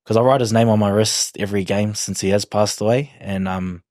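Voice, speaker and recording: On a podcast, a twenty-something Kiwi rugby league player talks casually, slangy and relaxed but hesitant, with a broad New Zealand accent. His voice sits on the low side, fairly even and fairly quick, a little mellow, in a clean studio recording without room sound.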